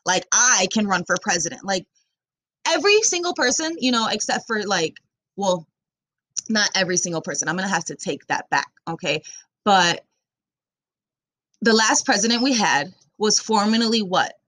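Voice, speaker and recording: A woman's voice: medium pitch, expressive, moderate pace, long pauses, a bit bright, no room sound. A young woman doing casual opinion commentary, blunt and profane, rambling with lots of fillers.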